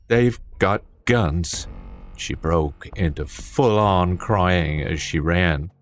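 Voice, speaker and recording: A man narrating a horror story with a tense, dramatic reading. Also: low-pitched. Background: faint music.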